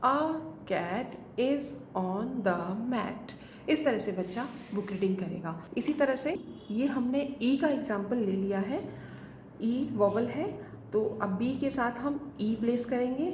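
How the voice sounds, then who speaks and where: A woman teaching a phonics lesson to parents, slowly sounding out simple words letter by letter. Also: a little high, mellow. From India. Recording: echoey room, faint noise.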